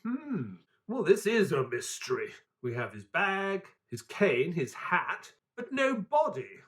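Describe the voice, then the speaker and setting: Husky, unhurried Doctor Watson. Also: male voice, a little high, wildly swooping pitch, full character voice. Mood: polite. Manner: polite, hesitant, measured. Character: mild, earnest Victorian doctor, sidekick and storyteller. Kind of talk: audio drama acting and narration.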